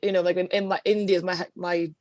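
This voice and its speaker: A woman's voice: fairly low pitch, flat delivery, fast, darkish tone, no echo, studio quality. A woman in her twenties with a Welsh Valleys accent, chatting casually and telling anecdotes in an interview on a video call. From Wales, the Valleys. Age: 20s. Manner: informal, anecdotal storytelling. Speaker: guest, DJ. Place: small indoor room at home, video call.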